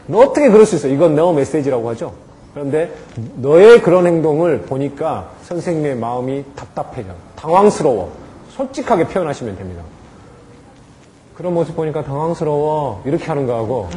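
A man's voice: on the high side, darkish tone, a little hiss or hum, poor audio. A middle-aged man lecturing church teachers, plain and direct, acting out firm words to a child. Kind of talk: lecture to Sunday school teachers.

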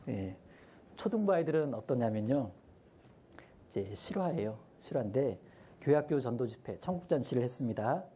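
A man's voice: mid-range voice, warm tone, husky. A man training church school teachers, telling humorous stories and acting out the children's voices.

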